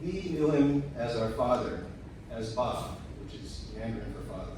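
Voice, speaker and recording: A man's voice: mid-range voice, expressive. Man giving tender eulogy, very echoey hall. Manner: measured, tender, with deliberate pauses. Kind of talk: prepared memorial speech. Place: large room at a memorial service. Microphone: picked up from a distance. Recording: very echoey, distant, noisy hall.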